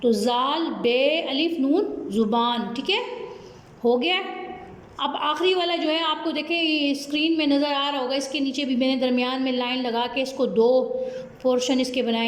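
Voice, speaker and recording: A high-pitched woman with a Pakistani Urdu accent teaching small children online, slowly spelling each word out and checking in after every step. Her voice rings in an echoey room, picked up by a computer mic on a video call. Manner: slow, patient spelling out of letters, repeating "ठीक है?". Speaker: primary school teacher. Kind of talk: online class lesson.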